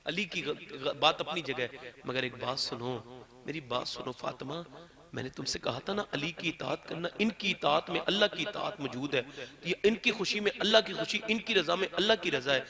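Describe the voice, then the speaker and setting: A man preaching a sermon to a gathering, impassioned, rising to loud shouts as he addresses the crowd directly. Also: sits high. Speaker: Islamic preacher.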